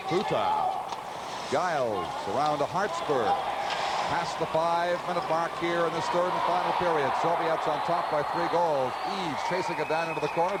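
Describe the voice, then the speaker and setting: A man calling live ice hockey play-by-play as a commentator on an old, noisy arena broadcast. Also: on the high side.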